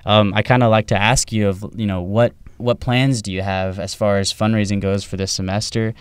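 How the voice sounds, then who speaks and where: A young man hosting a relaxed podcast chat, laid-back and agreeable, often saying "man" and "you know", on a close studio mic. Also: on the low side, a little fast, clean tone, no echo. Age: young adult. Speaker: podcast host. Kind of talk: casual chat. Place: small indoor studio. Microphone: large studio mic on boom, headphones.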